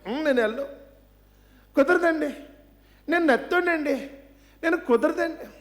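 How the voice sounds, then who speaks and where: A man's voice: very high voice, normal speed, voice pushed up. A man voicing a reluctant older Moses who pleads and makes excuses in a raised, whiny voice. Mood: pleading.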